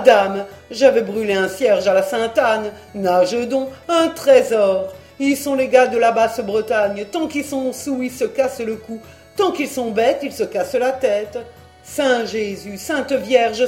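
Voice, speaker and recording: A woman voicing a boisterous, tipsy peasant man in an audiobook, exclaiming loudly in rustic speech. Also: lowish voice, echoey room. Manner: loud exclaiming rustic talk. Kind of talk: audiobook character reading.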